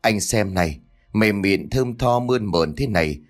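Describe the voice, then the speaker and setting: Người đàn ông đóng vai cô hầu gái lẳng lơ ranh mãnh. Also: male voice, lowish voice, animated, unhurried, soft background music. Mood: sly seductive. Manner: coaxing, sly tone.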